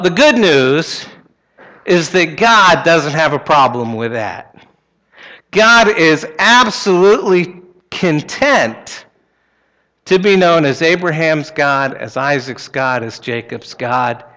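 Conversational American pastor, slightly high male voice. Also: expressive, takes it slowly, bright, forceful tone. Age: middle-aged. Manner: conversational, plain-spoken. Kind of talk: sermon with prayer and personal anecdotes.

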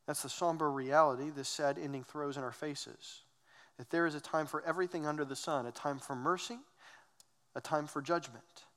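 Guy preaching a sermon, kinda high voice, earnest and punchy, long echo like a big church. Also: fairly even intonation, normal speed, a bit bright. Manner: earnest, emphatic preaching with rhetorical questions. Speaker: pastor.

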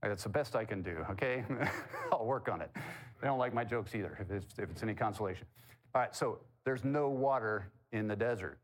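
A man's voice: fairly low pitch, fairly quick. A man preaching a sermon in a conversational way, asking the congregation questions and tossing in corny jokes. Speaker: pastor.

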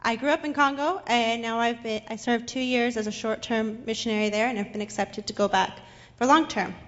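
A woman's voice: on the high side, fairly even intonation, brisk, muffled recording. A young woman interpreting into English for a guest in a church, slightly hesitant with fillers. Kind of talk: consecutive interpreting. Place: church sanctuary.

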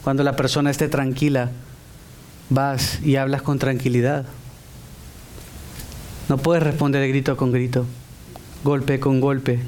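A middle-aged man preaching a sermon in an animated way, acting out the voices he quotes. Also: medium pitch, a little slow, pauses often, slight background noise.

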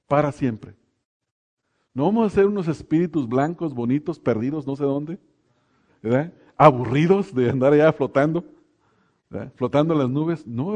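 A middle-aged male pastor preaches to his congregation, folksy and joking as he calls on them by name. His voice sits a little on the high side for a man. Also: a little mellow. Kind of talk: sermon.

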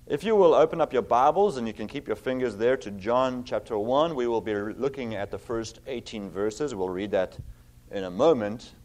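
The middle-aged South African pastor, a visitor to this church, preaches in a mid-range, slightly mellow voice. Earnest and filler-heavy, he reads scripture slowly, stressing the words.

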